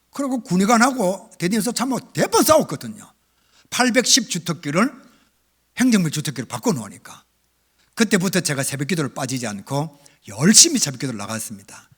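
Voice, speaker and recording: A middle-aged male pastor preaching a revival sermon, telling his own story with big swings between loud and hushed. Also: sits high, husky. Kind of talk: revival sermon with personal testimony. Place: church sanctuary.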